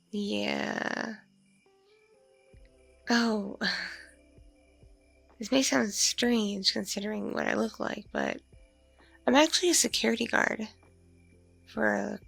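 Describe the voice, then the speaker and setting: A roleplay voice performer voices a mature, flirtatious, spacey female vampire in an ASMR roleplay, speaking softly as if in a one-sided intimate conversation. Her medium-pitched voice is creaky and exaggerated. She murmurs hesitantly, with lingering pauses filled with ums and mms.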